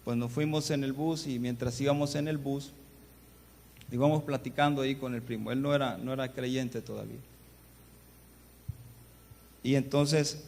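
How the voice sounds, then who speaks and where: A man's voice: mid-range voice, creaky, darkish tone. A man, a guest pastor preaching a sermon and telling stories while often addressing the congregation. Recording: long church reverb, faint background noise.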